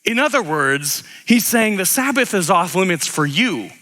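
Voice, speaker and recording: Animated, bright-voiced man preaching. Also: sits high, normal speed. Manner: animated, conversational preaching, acts out quoted voices. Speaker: pastor. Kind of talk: sermon.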